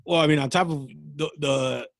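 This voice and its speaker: A man's voice: a little high, normal speed, gravelly, no room sound. A man co-hosting a comedy podcast, chiming in with short profane reactions and questions. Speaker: podcast co-host. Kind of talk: casual comedic chat.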